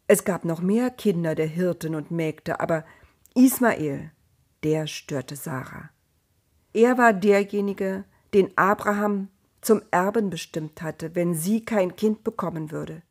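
A woman narrates a storybook tale in a calm, measured way. Her voice sits a little low and she takes her time over every phrase. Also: slightly rough.

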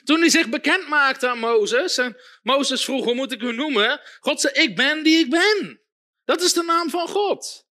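A man preaching a sermon in an emphatic, repetitive style, often calling for amens and sometimes shouting. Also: extremely high pitch, measured pace. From Netherlands.

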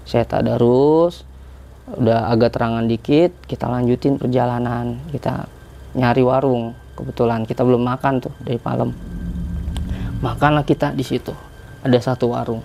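A man's voice: mid-range voice, steady tone, normal speed, vocal fry, dark tone, slight background noise. A young man casually telling a story as a podcast guest, rambling along and tagging his sentences with fillers. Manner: chatty, rambling, with many filler tags.

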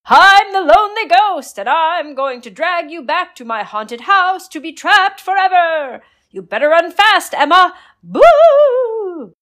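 A playful young girl in a ghost costume wails in a high, loud voice, performed by a woman narrator. Her pitch swings wildly, and she turns chatty and friendly when she is not spooking. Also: sing-song, slow pace, few pauses, full character voice. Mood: spooky.

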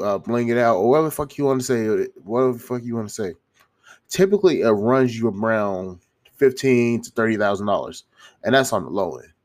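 A YouTuber gives self-improvement advice in a casual motivational monologue to viewers. His low voice sounds congested and stuffy-nosed, and he rambles, repeating and restarting phrases, with slang and frequent swearing.

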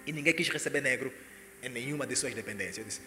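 A man telling a personal testimony, animated and breaking into sudden loud exclamations. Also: mid-range voice, fast talker. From Angola. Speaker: speaker giving a personal testimony. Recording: echoey hall with faint music.

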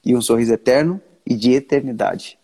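Brazilian male pastor, husky, earnest casual preaching, frequent restarts. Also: mid-range voice, mellow. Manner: earnest, restarts often, slows for emphasis. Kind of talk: casual devotional chat.

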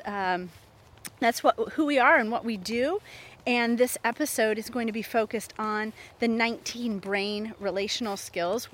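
A woman in her forties, a therapist hosting a podcast, talking in a chatty, animated way and laughing often. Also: mid-range voice. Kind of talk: casual podcast monologue.

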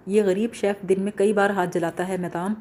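A woman reads a young man who dodges questions with teasing, offhand remarks. The voice stays mellow and warm. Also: medium pitch, fairly even intonation, lightly acted.

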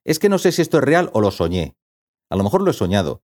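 A man, rambling and animated as he tells anecdotes in a casual podcast chat. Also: fairly low pitch, fast talker. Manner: rambling, animated storytelling, self-doubting.

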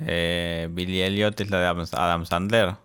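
A man's voice: sits low, steady tone, moderate pace, a bit bright, smooth. A young man with a Rioplatense Spanish accent, co-hosting a casual, teasing chat. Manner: joking, teasing. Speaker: podcast co-host.

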